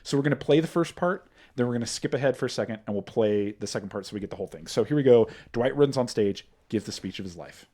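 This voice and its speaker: A man hosting a podcast, retelling scenes in an animated way and laughing often. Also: medium pitch, quick pace, few pauses. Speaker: podcast host. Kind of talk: casual recap chat.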